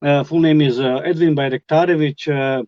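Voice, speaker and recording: A middle-aged man from Bosnia with a Bosnian accent, telling his life story as a guest, halting with many fillers and restarts. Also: fairly high pitch, fairly even intonation, no room sound, dull audio. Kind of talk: personal testimony.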